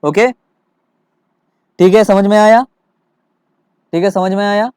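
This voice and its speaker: A man's voice: sits high, fairly even intonation, takes it slowly, darkish tone, smooth, no room sound. A male physics teacher working through a problem for students, repeating his checks, asking rhetorical questions and mixing in English terms. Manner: mixes English terms into Hindi.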